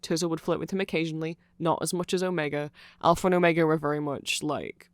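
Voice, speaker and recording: A fast-talking host with a medium-pitched, fairly even voice explains band lore to the listener in a casual, rambling ASMR style. They sound smooth, nerdy and chatty, correcting themselves like an eager fan. The recording has no room sound.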